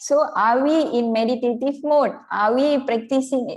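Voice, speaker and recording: A woman's voice: on the high side, steady tone, a little fast, darkish tone. A woman with a Malaysian accent teaching an online yoga class in a conversational way, often asking rhetorical questions and slipping in words from other languages.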